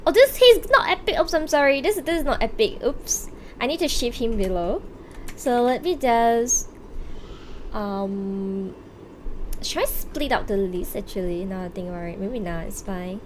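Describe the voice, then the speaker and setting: With a little slow pace and lively intonation, a woman with a slightly high voice streams live, joking casually with her audience in gamer slang and the odd curse. She frequently thinks aloud, over video game music and slight background noise.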